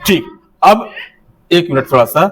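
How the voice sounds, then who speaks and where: Male teacher trainer with a fairly high voice, coaching a group through a game, directive and instructive. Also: sing-song, a little slow. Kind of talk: classroom activity instruction.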